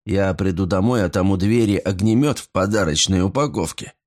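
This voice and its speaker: A man voicing a gruff older bearded regular who brags and grumbles over his whisky. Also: sits low, fairly quick, darkish tone, natural voice. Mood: grumbling. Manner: grumbling, boastful.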